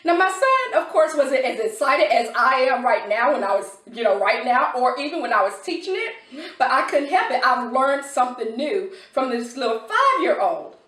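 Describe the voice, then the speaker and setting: A woman reviewing a homeschool curriculum in a casual vlog, talking with excited enthusiasm. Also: high-pitched, moderate pace, roomy sound, far from the mic.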